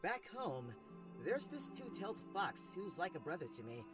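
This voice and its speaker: Casting: actor as cocky young male cartoon hedgehog hero, breezy and slangy, very animated delivery, loud music underneath. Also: mid-range voice, normal speed, close to an everyday voice. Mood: casual, teasing. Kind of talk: cartoon comic dub acting.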